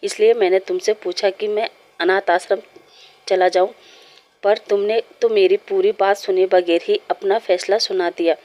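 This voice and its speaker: A woman's voice: medium pitch, steady tone, moderate pace, darkish tone, close to an everyday voice. A woman voicing a sulky, stubborn young male partner who talks in a huffy, defiant way, read aloud in a storybook.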